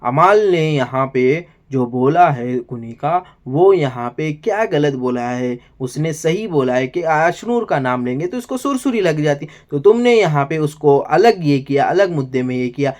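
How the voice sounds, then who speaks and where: A man's voice: fairly high pitch, animated, a little slow, hardly any pauses, a little mellow. A man doing casual commentary as an online video reviewer, repetitive and exclaiming often.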